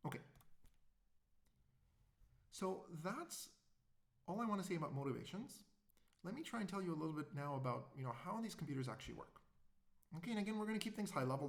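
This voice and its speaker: A man's voice: fairly high pitch, gravelly. A man giving a public introductory lecture in a conversational way, often asking the audience rhetorical questions.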